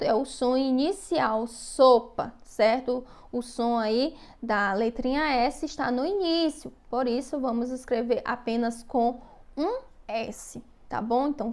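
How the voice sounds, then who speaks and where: Slow, high-voiced patient teacher woman. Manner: slow, patient, drawn-out syllables with frequent check-in questions. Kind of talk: recorded classroom lesson for young children.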